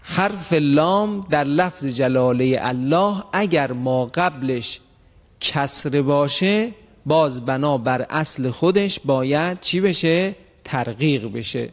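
A man teaching a recitation lesson, explaining the rules and repeating example words slowly and drawn out. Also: on the high side, animated, long reverb tail.

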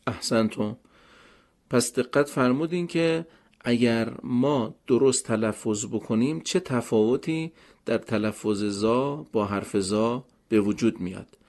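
A man teaching correct Quranic letter pronunciation in a polite, measured, step-by-step instructional manner. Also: medium pitch, a little mellow. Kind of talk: formal instructional talk.

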